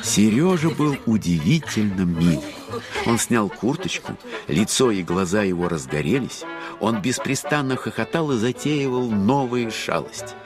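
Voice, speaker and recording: An actor playing a grown man wistfully recalling his boyhood, in reflective, measured literary narration. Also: on the low side, lively intonation, over music. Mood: fond.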